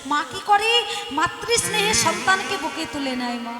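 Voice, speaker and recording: Female kirtan preacher, very high pitch, dramatic and questioning, long hall reverb. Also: animated, moderate pace. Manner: addresses the audience as mothers, asks questions; dramatic swings from soft to loud. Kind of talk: devotional kirtan sermon. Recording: echoey hall with music behind. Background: instruments playing.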